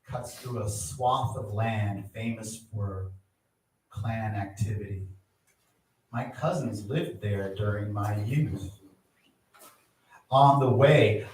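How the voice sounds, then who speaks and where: An older man, a poet, reading his memoir aloud at a live event, measured and storytelling with dramatic swells. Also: on the low side, a little hiss or hum. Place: art space, live event. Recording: very echoey room, voice from far off.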